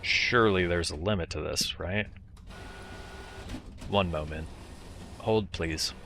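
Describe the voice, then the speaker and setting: A man's voice: low-pitched, slow, creaky, bright, forceful tone, a little hiss or hum. A man giving casual horror game commentary, muttering asides to himself as he plays. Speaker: video game streamer.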